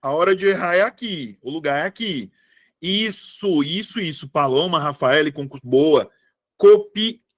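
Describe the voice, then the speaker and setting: A man teaches a live online class. His voice sits a little high for a man, and he keeps up a chatty, informal tone. He checks in with his viewers often as he talks. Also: lively intonation, normal speed, a bit bright. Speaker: online exam-prep teacher.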